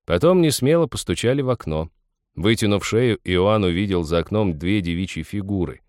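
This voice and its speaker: Man, audiobook narration, calm measured reading, very low voice, dry close sound. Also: no room sound.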